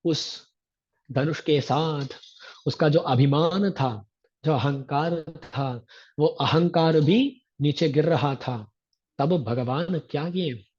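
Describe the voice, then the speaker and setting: Male religious teacher, higher voice, unhurried delivery, chants verses then explains; dull lo-fi recording. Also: a little mellow, husky. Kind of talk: scripture discourse.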